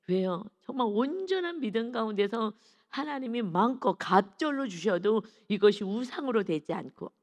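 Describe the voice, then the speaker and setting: A woman's voice: medium pitch, darkish tone, big-room sound. A woman pastor giving an early-morning sermon in a conversational preaching style, often acting out what people say. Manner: conversational preaching with acted quotes.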